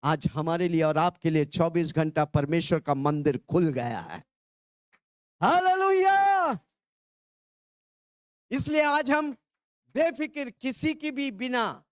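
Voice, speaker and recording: A high-pitched man from India preaching, leading his listeners in call and response. He keeps urging them to shout phrases back and breaks into hallelujahs. The sound is close and dry. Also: dry recording. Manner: urges the congregation to repeat phrases, shouting hallelujahs.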